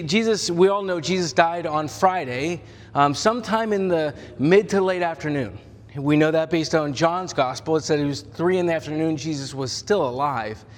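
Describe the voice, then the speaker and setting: A man's voice: a little high, big-room sound. A man preaching a sermon as a pastor, telling the story in a conversational way with humor and little acted-out voices.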